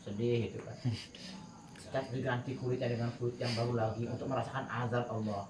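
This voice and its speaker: A man speaking quickly at medium pitch, with little movement in his intonation, teaches Quran recitation rules in a casual tajwid lesson. He's talkative, laughs over anecdotes, and demonstrates through melodic chanting. The background is noisy, and he sounds far off in a roomy space with faint crickets.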